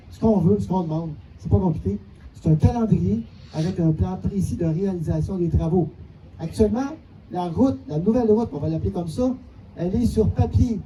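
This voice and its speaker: Quebec-accented male organizer, earnest, detailed address; high voice, distant pickup over heavy background noise. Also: a little fast. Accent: Quebec French. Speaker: local organizer at a public meeting. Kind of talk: explanatory public address.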